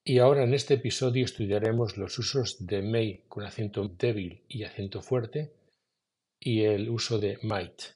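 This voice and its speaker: A man teaching English in a scripted podcast lesson, explaining at a measured pace and saying each example slowly. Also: on the low side, a little mellow, slightly rough.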